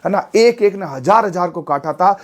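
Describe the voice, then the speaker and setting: A male exam-coaching teacher with a high voice lectures in a lively, animated way. He keeps turning to his listeners with questions and slips English words into his talk. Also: normal speed. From Rajasthan. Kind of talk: classroom lecture.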